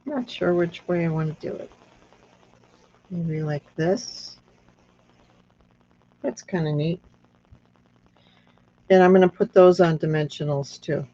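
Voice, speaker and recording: A woman with a thin, squeaky, reedy voice casually hosting a hands-on craft demonstration, thinking aloud as she goes. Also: dark tone. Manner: unhurried, thinking aloud with pauses. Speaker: craft tutorial host. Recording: dull lo-fi sound.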